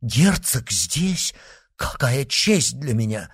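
A man's voice: mid-range voice, very animated, slow pace, breathy edge, voice pushed up, full character voice. A man voicing an older, humble councillor who speaks effusively. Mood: flattered.

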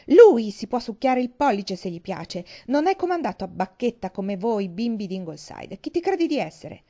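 A woman voicing a scruffy, hot-tempered young boy who shouts defiantly in a storybook reading. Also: medium pitch, sing-song, normal speed. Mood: furious.

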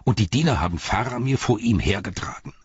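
A man voicing a loyal, worried city guard who questions earnestly in a husky voice. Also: on the low side, expressive, fairly quick, dry recording, voice pushed up. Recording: dull, dry recording.

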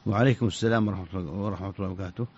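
A man's voice: sits low, fairly even intonation, a little mellow. A man, an Islamic scholar, answers listener questions on the radio, often stopping and restarting his words. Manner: halting, many restarts and repeated syllables. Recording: dull lo-fi radio recording.

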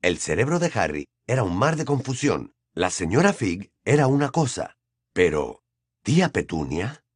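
A man narrating an audiobook in an expressive storytelling manner. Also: on the low side, moderate pace, breathy edge, no room sound, studio quality. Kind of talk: scripted narration.

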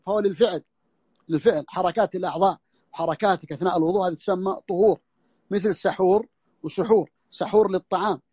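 A scholar teaches a classical text in an audio lesson, his voice set high for a man. He repeats key phrases and restarts sentences as he works through each point. The sound is dry and close, with no room around it. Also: darkish tone, slightly rough, no echo. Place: audio lesson over a social media voice room.

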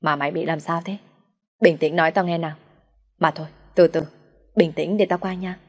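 A woman reading the lines of a blunt, caring young female friend who talks in a brisk, bossy way. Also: fairly low pitch, steady tone, in a large hall. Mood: worried.

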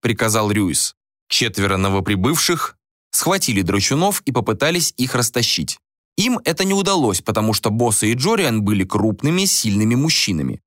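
A man reading a story aloud in measured, scripted narration, his pitch rising and falling in a lively way. The recording is dry and close, with no room sound. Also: no room sound. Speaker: audiobook narrator.

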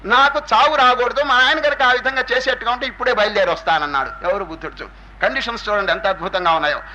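A man giving a spiritual discourse as a swami, explaining through rhetorical questions and homely stories and slowly chanting scripture verses. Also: high voice, pushed and bright, a little hiss or hum, poor audio. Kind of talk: religious discourse.

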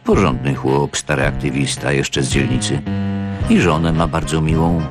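A man's voice: a bass voice, moderate pace, music in the background. An actor reading a folksy, boastful middle-aged male party official in a radio story.

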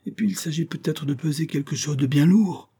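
A man's voice: on the high side, a little fast, warm tone, breathy edge, pitched above the performer's own voice. A man voicing a miserly old male moneylender who whines and laments, in a storybook reading. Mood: whining. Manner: wheedling, lamenting.

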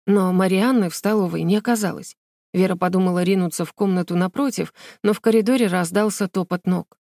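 A woman reading a children's book aloud as a narrator, with steady, even storytelling. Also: on the low side, brisk, gravelly, dry recording, studio quality. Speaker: audiobook narrator. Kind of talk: scripted narration.

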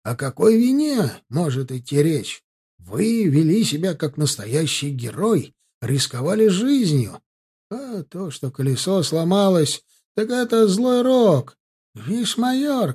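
A man's voice: a little high, big pitch swings, unhurried, darkish tone, slightly rough, full character voice. A man reading an audiobook, voicing an effusive elderly professor who speaks in exclamations. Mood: excited. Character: excitable elderly male professor.

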